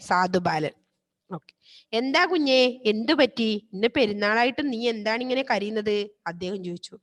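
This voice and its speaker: A woman teacher giving an online class. She retells a story, explains word meanings, and keeps checking with the class through tag questions. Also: medium pitch. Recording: long reverb.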